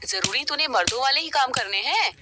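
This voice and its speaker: A woman voicing a sharp-tongued older neighbor woman who talks in a scolding, scornful way, in a noisy cartoon recording. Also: high-pitched, lively intonation, brisk.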